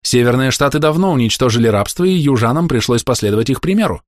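A man's voice: medium pitch, animated, fast, dry recording, clean studio sound, pitched above the performer's own voice, lightly acted. A man voicing a firm, courteous lady. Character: firm, polite lady mother, reserved.

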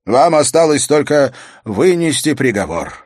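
A man reading an audiobook, voicing a fussy, insistent male royal chamberlain whose formal talk rises to shrill protest. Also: sing-song, measured pace, darkish tone, dry recording, clean studio sound.

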